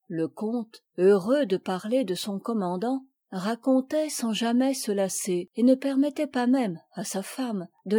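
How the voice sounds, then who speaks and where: A woman reads a children's novel aloud as scripted narration. Her delivery is even and measured, her voice dark and mellow. The recording is dry and close. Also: medium pitch, dry recording. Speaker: audiobook reader.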